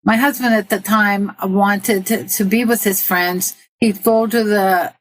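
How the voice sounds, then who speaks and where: A woman's voice: medium pitch, steady tone, unhurried, poor audio. An older woman from Italy talks through her own life as an interview guest. Her tone is earnest and practical, and she often stops to give direct advice to listeners. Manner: earnest, advice-giving, laughs at herself. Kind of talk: personal interview.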